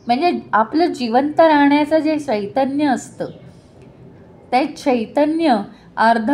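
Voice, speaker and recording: High voiced woman slowly telling a devotional story, keeps asking the listeners questions. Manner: asks listeners rhetorical questions.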